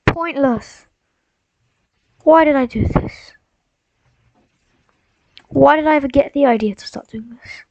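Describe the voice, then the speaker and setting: Rambling young woman streamer, gravelly. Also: high voice, slow pace, pauses often, darkish tone, no room sound. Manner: rambling, self-dramatizing, mock-heroic. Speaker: gaming streamer. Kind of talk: casual live-stream commentary. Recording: dull lo-fi sound.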